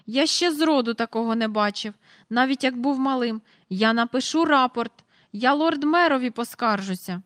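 Woman reading as a furious park keeper guy, yelling threats at the sky, pitched way up and loud. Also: normal speed, dry recording, studio quality, lightly acted. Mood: indignant. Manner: shouting, blustering threats. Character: indignant middle-aged male park keeper.

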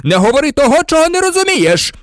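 A man's voice: a little high, big pitch swings, normal speed, dry recording, studio quality, pitched above the performer's own voice. A man reading aloud, voicing a cold, vengeful male professor who speaks in a silky, sneering tone. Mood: furious.

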